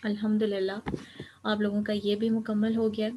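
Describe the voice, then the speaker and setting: A woman's voice: medium pitch, monotone, noisy background. A woman teaching an Arabic grammar lecture, explaining each step patiently and slipping English terms into her talk.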